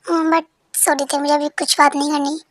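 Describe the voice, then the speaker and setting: A woman's voice: high-pitched, little pitch movement, brisk, no room sound, clean studio sound, close to an everyday voice. A woman playing a smug, teasing young man. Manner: smug, dismissive. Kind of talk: fan dub storytelling.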